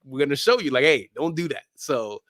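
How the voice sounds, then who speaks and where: Speaking as a guest, the soccer podcast creator keeps the interview casual and animated, using slang, emphasis and repeated phrases to hammer his points. His medium-pitched voice is expressive, a bit bright and fairly quick.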